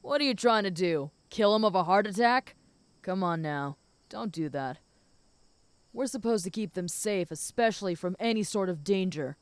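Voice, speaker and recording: A woman voicing a flirty, possessive and protective female werewolf in an intimate audio role-play, speaking teasingly to the listener in a smooth voice. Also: mid-range voice, animated, normal speed, no room sound, lightly acted. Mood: calm, teasing. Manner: flirty, teasing, with soft chuckles.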